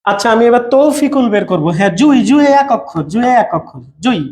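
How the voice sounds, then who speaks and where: A man's voice: very high-pitched, lively intonation, fast, a little mellow, roomy sound. A man, teaching an exam-prep class online and repeating each point for his students.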